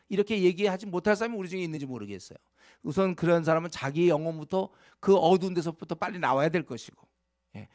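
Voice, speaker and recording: A man's voice: fairly high pitch, no echo, clean studio sound. A male pastor preaching a sermon, earnestly urging his congregation, with frequent fillers and direct questions to the listeners.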